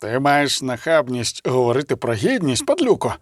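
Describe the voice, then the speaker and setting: Male narrator doing an enraged elf soldier in an audiobook, bitter and loud, dry close mic. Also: a little high, animated, moderate pace, no echo, close to an everyday voice. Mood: furious. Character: furious betrayed male elf officer.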